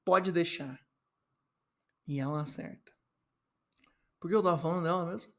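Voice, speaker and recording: A man's voice: fairly high pitch, brisk. Rambling Brazilian man, mock-solemn musings. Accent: Brazilian Portuguese. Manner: eating fruit while talking. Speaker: podcast host. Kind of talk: solo podcast monologue.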